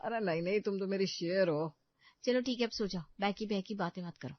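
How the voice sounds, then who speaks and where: A woman voicing a calm, reassuring young husband in an animated story, with an easygoing manner. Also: mid-range voice, fairly quick, no echo, lightly acted. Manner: easygoing, soothing. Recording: dull lo-fi dry recording.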